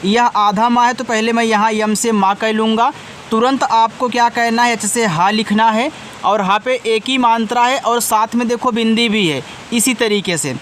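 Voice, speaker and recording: Male teacher with a high voice, patient and methodical, addressing his students directly. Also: steady tone, normal speed, a bit bright, a little hiss or hum. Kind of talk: online lesson. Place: indoors with wind outside.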